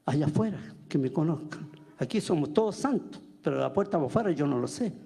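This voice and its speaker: A man's voice: fairly high pitch, animated, fast talker, gravelly, mellow, breathy edge. A man preaching a sermon as pastor, firing rhetorical questions at the congregation. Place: church.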